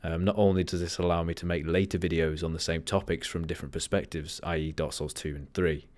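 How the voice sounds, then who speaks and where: Low monotone male streamer. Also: fast talker, dry recording. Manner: rambling, easily sidetracked. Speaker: livestream host. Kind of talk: casual livestream chat.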